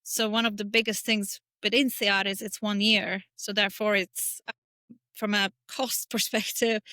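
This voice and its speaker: This middle-aged Turkish woman is a podcast guest in a casual interview, speaking thoughtfully at a moderate pace with a level, medium-pitched voice and a sharp tone. She uses many fillers and restarts, and there's no echo.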